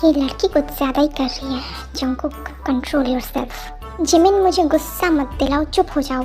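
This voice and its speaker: A woman's voice: high voice, moderate pace, a little mellow, pitched below the performer's own voice, close to an everyday voice. Woman doing a bossy male vampire boss. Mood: stern. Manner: commanding, scolding. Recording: faint music behind.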